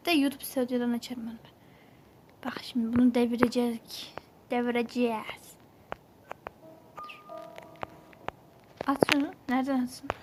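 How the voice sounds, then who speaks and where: A woman with a high voice gives casual let's-play commentary over a horror game. She slips into whispers when she sneaks and swears loudly when startled. The sound comes through a phone's screen recorder, with a faint hiss underneath. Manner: swears freely, drops to whispers when sneaking, bursts into alarmed exclamations. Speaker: mobile horror game player. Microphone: phone screen recorder mic.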